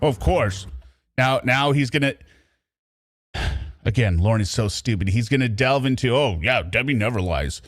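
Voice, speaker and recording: A true crime commentator reacts casually over a phone call being played, sounding exasperated and mocking as he frequently paraphrases what others said. His mid-range voice is expressive and moderately paced, with frequent pauses, captured in echo-free studio quality.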